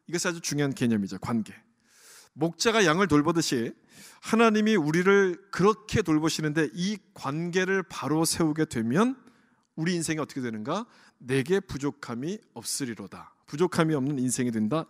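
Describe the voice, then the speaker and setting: A pastor preaching an earnest sermon to his congregation in a church, often asking them questions. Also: fairly high pitch. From Korea. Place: church sanctuary. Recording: long church hall reverb.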